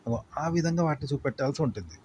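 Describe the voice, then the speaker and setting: A man's voice: on the high side, expressive, fast talker, darkish tone, a little hiss or hum. A man explaining in a casual, rambling spoken lesson, repeating points with fillers. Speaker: content creation teacher.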